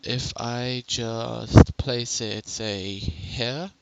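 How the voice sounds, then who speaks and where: A man's voice: medium pitch, fairly even intonation, drawn-out words, gravelly, heavy background noise. A young man casually narrating a game tutorial on a headset at home, rambling and correcting himself as he goes. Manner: rambling, self-correcting, chatty.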